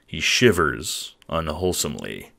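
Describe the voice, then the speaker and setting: A man's voice: very deep voice, very animated, a little slow, creaky, sharp tone. A man narrating a scripted audio drama in the second person, with a descriptive storytelling manner.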